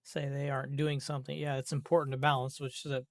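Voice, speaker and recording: Male gaming commentator, mid-range pitch, exasperated and grumbling, unscripted and emphatic, dry recording. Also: flat delivery, fast talker, gravelly, no room sound. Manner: exasperated, grumbling, sweary complaining; emphatic repetition, rhetorical questions. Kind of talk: unscripted rant about a video game.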